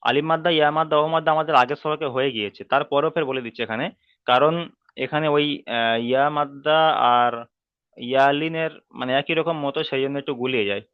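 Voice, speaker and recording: A man's voice: on the high side, fast, clear, resonant tone, no room sound. A male teacher giving an online reading lesson, patiently repeating rules and drilling letter sounds one by one. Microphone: video call. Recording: dull lo-fi online call audio.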